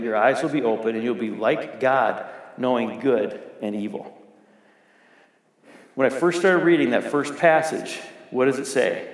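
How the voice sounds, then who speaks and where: A middle-aged man preaching a sermon as pastor, talking conversationally and putting questions to the congregation. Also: medium pitch. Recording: echoey hall with long reverb.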